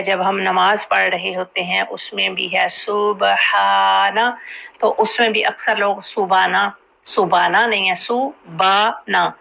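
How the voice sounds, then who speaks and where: A woman teaching Quran recitation rules, explaining quickly and then drawing out each recited word slowly. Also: mid-range voice, gravelly, sharp tone, rough recording. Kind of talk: tajweed lesson, explaining and slowly modeling recitation.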